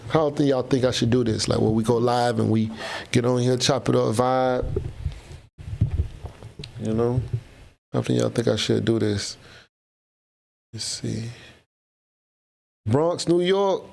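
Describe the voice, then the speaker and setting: A man's voice: mid-range voice, unhurried, creaky, pauses often, darkish tone. A man from Florida hosting a live stream, chatting casually with viewers in slang and reading out their comments. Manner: laid-back, slangy, reads out chat comments. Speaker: livestream host.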